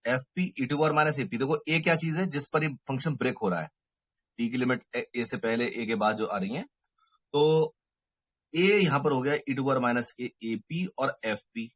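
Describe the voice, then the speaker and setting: Here a man teaches mathematics online through a microphone, going step by step, pausing to check in with students, and switching between Hindi and English terms. He talks at a normal speed with a medium-pitched, fairly bright voice.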